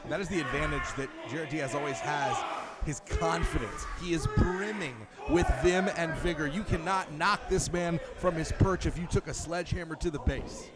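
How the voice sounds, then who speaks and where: A man's voice: a little high, normal speed, a crowd in the background. A man calling live wrestling as a commentator, with a dramatic, wordy delivery. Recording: loud background noise at live event.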